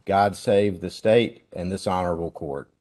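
Man as court marshal, ceremonial opening cry, low and warm voice, courtroom. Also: normal speed.

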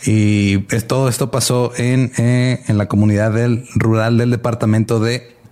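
A man's voice: medium pitch, flat delivery, normal speed, dark tone. A young man co-hosting a podcast in casual, slangy chat, often laughing. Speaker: podcast co-host.

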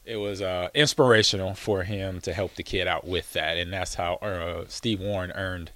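A low-voiced man hosting a casual talk show, rambling through a story with plenty of fillers and easy laughter. The sound is dry and close, with no room in it. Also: fairly even intonation, moderate pace, a bit bright, no echo. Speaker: show host, former football player. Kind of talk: casual chat.

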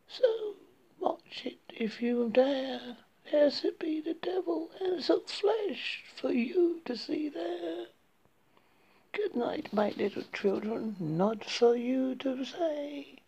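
A woman as a slow, creaky, creepy horror host. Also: sits high, lively intonation, warm tone, exaggerated voice, rough recording. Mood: gleefully spooky. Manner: spooky horror host delivery, slow and menacing. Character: Ghostman, creepy theatrical horror host addressing children. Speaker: horror host presenting old movies. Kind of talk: theatrical horror host movie introductions.

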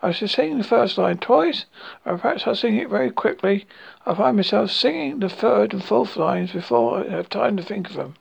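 A storybook reader voicing Winnie the Pooh, an eager, simple honey-loving bear, in a high sing-song way. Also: animated, moderate pace, gravelly, breathy edge, exaggerated voice. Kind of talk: storybook reading.

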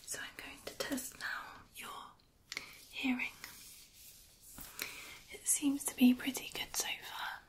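Slow whispered role-play, woman moving ear to ear. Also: sits high, flat delivery. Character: attentive, reassuring female examiner running sight and hearing tests. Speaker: ASMR performer playing an examiner.

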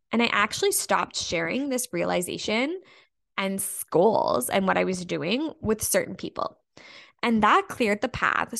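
A young woman hosts her own podcast, speaking straight to her listeners in a loose, emphatic way. Her voice carries a gravelly fry, and she sits at a middling pitch for a woman. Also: fairly bright tone. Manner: casual, emphatic, peppered with "like" and mild swearing. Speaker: podcast host and business coach. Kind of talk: solo podcast monologue.

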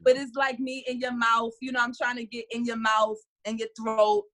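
A high-pitched woman in her late twenties, talking with a New York accent. She is a guest in a casual interview, and she chats in animated bursts, laughing often and letting her sentences trail off. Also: moderate pace. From Harlem, New York. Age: late 20s. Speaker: guest, artist.

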